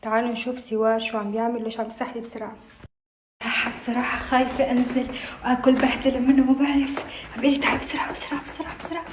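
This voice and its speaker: A woman with a Levantine Arabic accent, chatting casually to camera in a vlog, playful and fast, often trailing off softly. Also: a little high, flat delivery, background noise. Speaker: vlogger.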